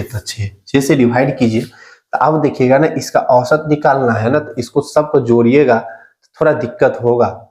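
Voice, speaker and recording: Math tutor in an echoey room. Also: male voice, mid-range voice, darkish tone. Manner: repeats questions to the student and answers them himself; talks through sums step by step. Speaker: math teacher. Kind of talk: exam-prep math lesson.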